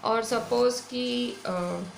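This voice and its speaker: Indian woman teacher, slow and gravelly, echoey room: patient lesson delivery. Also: a little high, a little hiss or hum. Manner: slow, patient explaining with frequent "theek hai". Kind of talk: online grammar lesson. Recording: echoey room with faint ambience.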